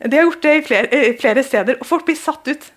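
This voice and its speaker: A woman from Norway giving an informal church talk, chatty, acting out little dialogues as she goes. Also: high voice. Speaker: church speaker. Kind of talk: informal sermon.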